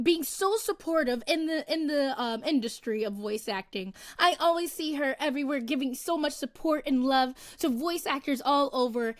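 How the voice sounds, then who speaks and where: A woman's voice: sits high, fairly bright tone, no room sound, studio quality. A woman hosting an interview show, bubbly and gushing, giggling often. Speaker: podcast host. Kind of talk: casual interview chat.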